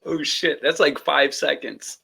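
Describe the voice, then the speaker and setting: A man hosts a live stream in loose, rambling talk, often breaking into laughter. His voice sounds bright and open. He jokes his way through greeting his guests. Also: fairly high pitch, vocal fry, slightly rough. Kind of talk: casual live stream chat.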